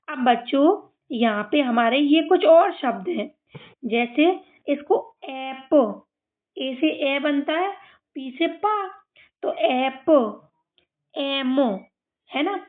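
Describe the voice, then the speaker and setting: A woman teaching children a phonics lesson, sounding out each word slowly and patiently, often checking whether they follow along. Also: sits high. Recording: tinny phone-like sound.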